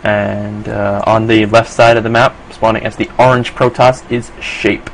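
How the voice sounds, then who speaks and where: A man's voice: lowish voice, unhurried, slight background noise, low-quality recording. New York man casting a game. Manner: relaxed, filler-heavy, casual. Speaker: esports commentator. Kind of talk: solo play-by-play commentary.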